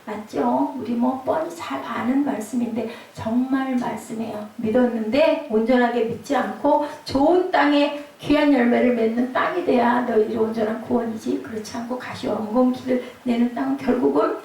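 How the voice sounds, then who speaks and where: A woman preaching to her congregation, her voice gravelly with a warm, dark tone and a slightly high pitch. She keeps turning to the people with quick tag questions. The recording comes from far off in a very echoey church hall. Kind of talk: sermon at a Friday night prayer service. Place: church sanctuary.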